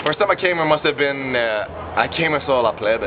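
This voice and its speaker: A man's voice: medium pitch, lively intonation, brisk. A Swedish-accented man in his twenties rambles through a casual interview, cursing freely between drags on a cigarette. The sound is thin and phone-like, with heavy street traffic behind him outdoors at night. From Sweden. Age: 20s. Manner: rambling and heavily profane, smoking while talking. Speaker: punk band member. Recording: tinny lo-fi recording with loud street noise.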